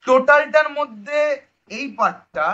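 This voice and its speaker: A male teacher with a Bengali accent delivers a casual online biology lecture in a very high-pitched, sharp, expressive voice, a little slow. He poses questions, answers them himself and drops in English words; the recording is dull and lo-fi.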